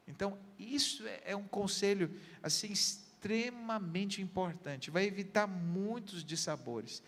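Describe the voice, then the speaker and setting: A man's voice: sits high, a bit bright, long reverb tail. A man with a Brazilian Portuguese accent, a pastor, giving earnest counseling advice with everyday examples on a church program. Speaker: pastor, guest.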